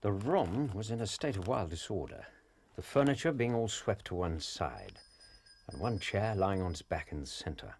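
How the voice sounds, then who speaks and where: An actor playing a genial, earnest English gentleman doctor in a period detective drama, polite and proper in manner. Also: low voice, sing-song, normal speed, gravelly, slightly rough, full character voice. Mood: grave.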